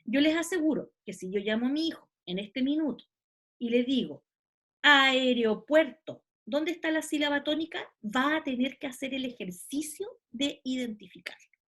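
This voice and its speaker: A woman's voice: high-pitched, animated, normal speed. A middle-aged woman giving a recorded online lecture, explaining step by step and often checking with her listeners. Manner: explanatory, with frequent checking tags. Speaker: university lecturer.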